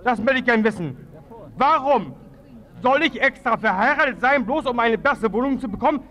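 A man in his thirties making an unscripted appeal at an outdoor public forum, talking in a halting way with frequent restarts and repeated words. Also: extremely high pitch, lively intonation, pushed and bright. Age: 30s. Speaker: father of three speaking at a public forum.

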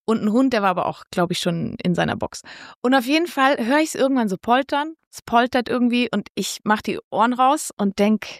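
Woman, casual storyteller, bright high-ish voice, dry close mic, swears freely, acts out her own quotes. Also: fairly quick, dry recording. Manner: lively, casual, swears, quotes herself with raised voice. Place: Switzerland.

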